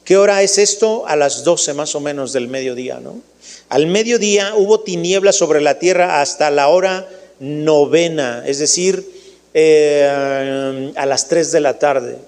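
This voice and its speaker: Mexican pastor preaching in a reverberant church. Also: male voice, a little high, a little slow, darkish tone. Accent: Mexican Spanish. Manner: preaching with many restarts, addresses the congregation as family. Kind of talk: sermon.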